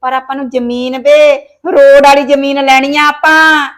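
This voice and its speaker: A woman's voice: high-pitched, little pitch movement, normal speed, fairly bright tone. A woman playing a bossy scheming mother-in-law. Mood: domineering. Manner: scolding, domineering, scheming. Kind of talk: village comedy short film acting.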